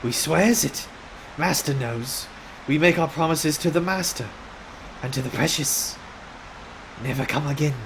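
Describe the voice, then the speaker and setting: Smeagol, a wretched hissing creature. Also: male voice, a little high, unhurried, gravelly. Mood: fawning oath. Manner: broken grammar, pleading, repeats words. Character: wretched fawning creature Smeagol, small, hungry, shifty.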